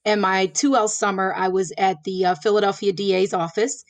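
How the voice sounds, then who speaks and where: A woman in her forties, originally from Florida, answers podcast questions in a measured, earnest tone, leaning on fillers as she thinks. Her voice sits in a middle range, and the recording is dry and close with no room sound. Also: mid-range voice, little pitch movement, no room sound. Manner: measured, earnest, many "you know" and "um" fillers. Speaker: judicial candidate, former prosecutor.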